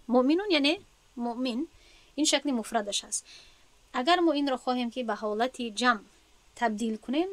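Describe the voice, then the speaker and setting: Tajik woman, grammar teacher, fairly high voice, patient questioning delivery, dry close recording. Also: no echo. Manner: patient, asks the class questions and answers them. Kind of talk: explanatory lesson.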